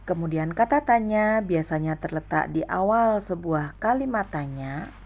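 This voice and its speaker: A woman's voice: on the low side, expressive, unhurried, darkish tone. A young adult woman teaching a grammar lesson, listing examples one by one.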